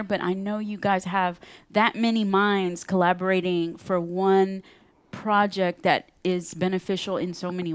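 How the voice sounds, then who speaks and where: A woman's voice: on the low side, no echo. A woman hosting a radio interview show from a studio, upbeat and chatty, laughing easily with her guests.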